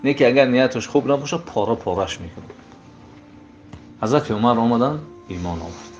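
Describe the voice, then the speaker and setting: A man with a Tajik accent, preaching as he tells religious stories in a dramatic style, rising to loud raised lines and dropping to low hushed ones. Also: lively intonation, highs cut off. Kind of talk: storytelling sermon.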